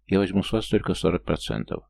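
A man's voice: deep voice, very animated, quick pace, creaky, darkish tone, slight background noise, full character voice. A man voicing an easily offended middle-aged Frenchman in an audiobook, pleading and complaining. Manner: pleading, aggrieved.

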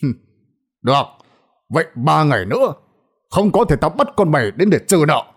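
A man's voice: a little high, sing-song, moderate pace, breathy edge, heavily acted. A man voicing a stern, rich old landlord in a storybook tale who scolds and threatens.

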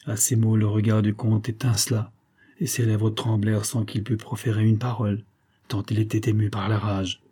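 A man narrating a classic novel as an audiobook in a measured, dramatic reading. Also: fairly low pitch, level tone, warm tone, breathy edge.

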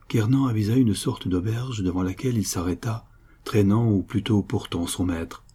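Low, husky male audiobook narrator. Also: dark tone. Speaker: audiobook reader. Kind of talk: scripted narration of a classic novel.

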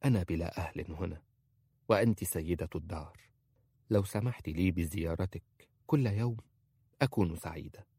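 A man voicing a polite, innocent young bride who speaks softly in a storybook reading. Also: lowish voice, very animated, brisk, dry recording, clean studio sound. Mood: gentle. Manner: soft, gentle pleading.

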